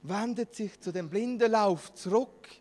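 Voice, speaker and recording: Fervent Swiss German preacher, high voice. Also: male voice, a little slow, in a large hall. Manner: fervent, swings between hushed and loud. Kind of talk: sermon.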